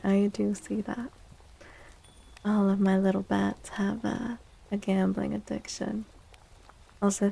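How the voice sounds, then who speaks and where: A soft-spoken woman with a medium-pitched voice does an ASMR chat live stream on a close microphone. She greets viewers gently, often repeats phrases and slips into breathy whispers.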